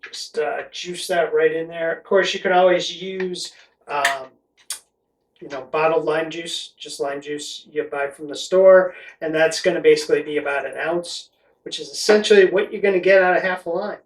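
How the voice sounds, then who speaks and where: A middle-aged man from Connecticut in the United States, with a fairly high voice and a normal pace, rambles casually to camera as a vlog host explaining things. There's a slight hiss or hum, and the distant mic picks up a roomy echo.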